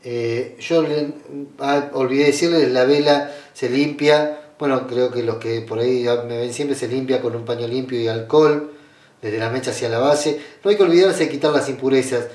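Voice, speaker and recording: A man's voice: medium pitch, steady tone, darkish tone. Hesitant Argentine man, roomy distant sound. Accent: Argentine Spanish. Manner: unhurried, hesitant, with frequent "eh" fillers and restarts. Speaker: spiritual ritual guide. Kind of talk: step-by-step ritual tutorial. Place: small indoor room at a red-draped altar table.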